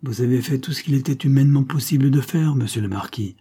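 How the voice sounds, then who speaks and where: A man's voice: mid-range voice, fast, dark tone, breathy edge, pitched above the performer's own voice. A man voicing a stern young doctor who coldly accuses and passes judgment, read in a storybook.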